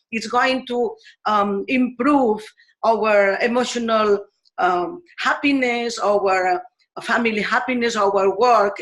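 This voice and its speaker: A woman teacher from Spain, explaining her ideas in English earnestly, pausing often and searching for words. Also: a little high, fairly bright tone. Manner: earnest and searching, with frequent pauses and fillers. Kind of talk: explanatory talk in a video series.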